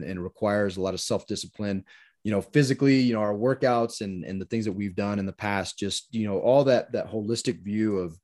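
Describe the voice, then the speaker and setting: Earnest, low-voiced male podcast host. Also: darkish tone. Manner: earnest, effusive, many restarts. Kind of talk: casual interview chat.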